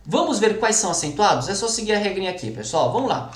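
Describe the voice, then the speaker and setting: A Brazilian man teaches a recorded grammar lesson with a lively, swooping voice. He keeps checking in with the class as he explains each point. The sound is roomy and echoing. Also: high-pitched, fast. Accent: Brazilian Portuguese. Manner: chatty and animated, peppers lines with "pessoal" and "tá?". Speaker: Portuguese teacher.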